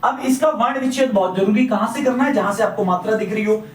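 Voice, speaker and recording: Quick-paced and high-voiced, a man lectures on Hindi grammar in a classroom or coaching room. Repeating points, he asks the class questions and supplies the answers himself, captured by a distant mic in an echoey room.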